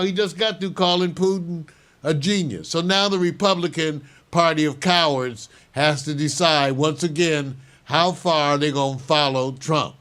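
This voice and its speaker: Older male host, news commentary, slightly high voice, measured and opinionated. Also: fairly bright tone. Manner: measured, opinionated, chuckling now and then. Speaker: show host.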